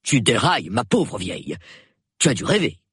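A man voicing a drowsy, gruff older colonel who mumbles dismissively in a storybook reading. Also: mid-range voice, big pitch swings, normal speed, a bit bright, dry recording, clean studio sound, exaggerated voice. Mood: grumbling.

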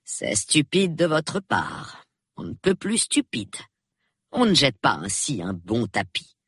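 A man reading an audiobook, voicing a shrewd, prim elderly spinster who speaks in a measured, precise, calmly reproving way. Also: medium pitch, slightly rough, no room sound, clean studio sound, full character voice. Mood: calm, knowing. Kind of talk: audiobook character voice.

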